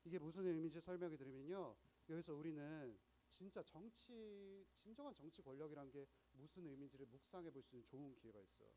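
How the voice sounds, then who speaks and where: A man's voice: fairly high pitch, fast, hardly any pauses, mellow, a little hiss or hum, rough recording. A young man preaching a sermon to teenagers. He talks in a chatty, explaining way and keeps asking the audience questions. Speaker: youth group preacher.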